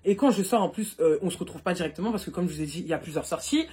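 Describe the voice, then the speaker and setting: A young woman vlogger telling a personal story in a casual storytime monologue, animated and full of fillers, recorded on a phone. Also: lowish voice, husky. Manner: rapid and animated, full of fillers like "et tout" and "du coup".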